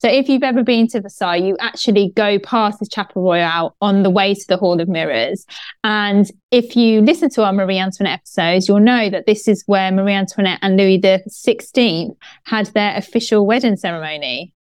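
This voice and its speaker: A woman's voice: medium pitch, brisk, smooth, no room sound. A woman co-hosting a chat podcast in a chatty manner, reading out quotes and laughing often. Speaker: podcast co-host. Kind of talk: casual chat.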